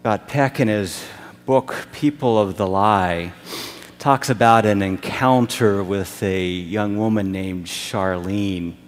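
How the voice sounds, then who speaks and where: A man preaching a sermon as pastor in a church sanctuary, measured and deliberate with long pauses. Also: on the low side, slight background noise. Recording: long reverb of a large church.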